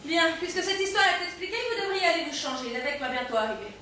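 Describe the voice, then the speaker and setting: A woman's voice: extremely high pitch, expressive, quick pace, bright, forceful tone, recorded from a distance, exaggerated voice. An actress playing a stern, pious mother superior who speaks formally and solemnly. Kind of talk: stage comedy acting. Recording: echoey stage heard from afar, faint noise.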